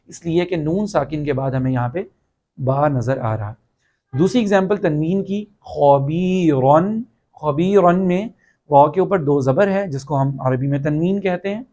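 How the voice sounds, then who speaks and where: A man's voice: a little high, darkish tone. Patient man teaching Quran recitation rules. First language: Urdu. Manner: patient, slow drawn-out recitation of example words. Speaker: tajweed teacher. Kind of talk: recorded online lesson.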